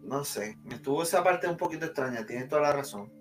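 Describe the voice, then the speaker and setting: A man's voice: mid-range voice, expressive, fast talker, soft background music. A man hosting a casual anime discussion, steering the talk with questions in a conversational way. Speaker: host.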